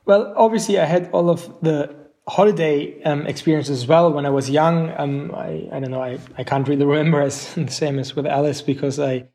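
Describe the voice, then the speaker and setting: Higher-voiced man, hesitant. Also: fairly even intonation, brisk, creaky, dark tone. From Germany. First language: German. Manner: thoughtful, with hesitations and "you know". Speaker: interview guest, journalist. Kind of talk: casual conversation.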